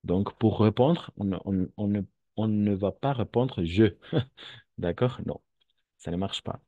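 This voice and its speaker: Deep, slow-speaking male French teacher. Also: no echo, phone-quality sound. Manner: patient, repeats and checks understanding. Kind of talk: online French lesson for Spanish speakers.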